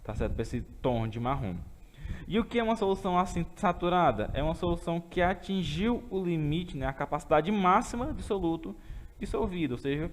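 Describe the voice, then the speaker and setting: Man, Brazilian Portuguese accent, chemistry teacher, step-by-step explaining, fairly high voice, long room echo. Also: slight background noise. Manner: explains step by step, keeps asking "tá certo?". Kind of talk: remote classroom lesson.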